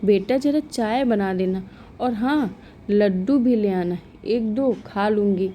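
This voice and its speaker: A woman voicing a strict, sharp-tongued middle-aged mother-in-law in a storybook tale, scolding and raising her voice. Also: mid-range voice, slow pace, slight background noise, close to an everyday voice. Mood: calling.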